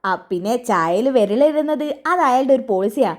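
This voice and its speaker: A woman's voice: fairly high pitch, expressive, moderate pace, lightly acted. A woman voicing a talkative village man who reads the newspaper and explains things to strangers. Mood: helpful.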